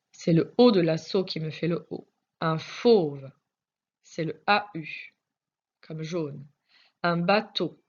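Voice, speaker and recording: A woman's voice: fairly low pitch, a little mellow, husky. A woman teacher giving a recorded reading lesson to young children, carefully spelling out letters one by one. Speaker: primary school teacher. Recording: dull lo-fi recording.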